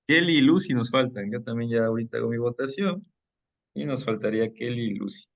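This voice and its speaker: A man's voice: mid-range voice, normal speed, gravelly. A man moderating an online reading club meeting. He talks in a friendly, chatty way, chuckles often and explains things at length.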